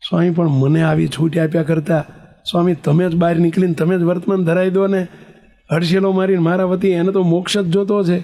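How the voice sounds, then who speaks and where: A man's voice: sits high, level tone, brisk, creaky, warm tone. A man voicing a devoted monk who asks permission in a hesitant, deferential way. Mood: anxious. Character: anxious devoted male monk asking permission.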